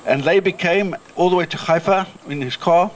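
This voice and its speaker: A middle-aged South African man with a high-pitched voice and a South African accent chairs a kibbutz and speaks at a moderate pace to a reunion crowd outdoors. His speech is chatty and full of anecdotes, and he often restarts his sentences with plenty of fillers.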